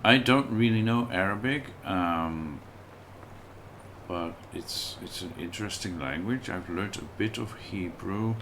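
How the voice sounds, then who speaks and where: Relaxed as he plays, this livestreamer talks through his game out loud and chats with his viewers in easygoing let's-play commentary. He speaks low at a measured pace, with a slight hiss or hum on the audio.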